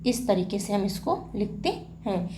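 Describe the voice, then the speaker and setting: Slow, mellow-voiced woman teaching grammar. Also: mid-range voice, lively intonation. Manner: asks questions and answers them herself, repeats terms. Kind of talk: slow classroom explanation. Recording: echoey room with faint hiss.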